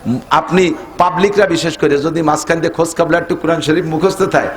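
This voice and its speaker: A man's voice: on the high side, quick pace. A middle-aged man preaching a waz sermon, emphatic and always asking the crowd to agree. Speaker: Islamic preacher. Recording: echoey public-address sound.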